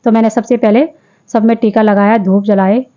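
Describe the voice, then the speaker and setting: A woman's voice: mid-range voice, steady tone, moderate pace, mellow. Chatty woman on a dull lo-fi voice-over. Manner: chatty, with frequent restarts and self-corrections. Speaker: vlogger. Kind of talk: casual vlog voice-over.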